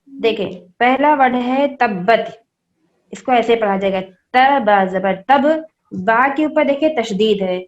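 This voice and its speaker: A woman teaching an online class on reading the Quran, spelling out the words letter by letter and answering her own questions. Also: fairly high pitch. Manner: asks questions and answers them herself. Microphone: online call microphone. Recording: dull lo-fi video call audio.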